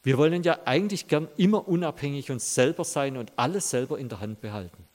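A man preaching a sermon in an earnest storytelling manner. He speaks to his listeners directly, at a medium pitch. His voice rings with the long reverb of a large church hall. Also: lively intonation, fast talker, a little mellow.

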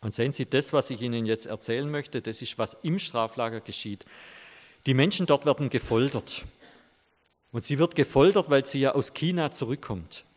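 A man's voice: mid-range voice, normal speed. A man preaching a sermon, telling a story earnestly and speaking directly to his listeners. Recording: long hall reverb.

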